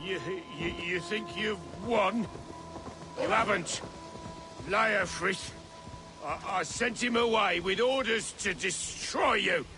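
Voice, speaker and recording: An actor playing a panicked, defiant deposed king in a video game, loud and blustering. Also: high-pitched, slow, music in the background. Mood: bitter contempt. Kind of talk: dramatic video game acting.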